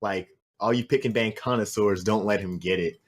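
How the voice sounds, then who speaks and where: A young man casting a video game match live, joking casually and getting faster and louder during fights. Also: fairly low pitch, fairly even intonation. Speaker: esports caster.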